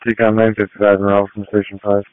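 A man's voice: on the low side, completely flat delivery, fast, dry recording. A male ambulance crew member making terse, procedural calls over a two-way radio. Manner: clipped, procedural. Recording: dry, slightly narrow radio audio.

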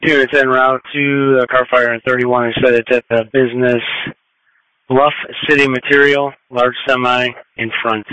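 A man's voice: mid-range voice, flat delivery, moderate pace, sharp tone, clear, resonant tone, no echo, low-quality recording. A man working as an emergency dispatcher, speaking in a clipped, businesslike procedural way over two-way radio. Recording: dry close two-way radio audio.

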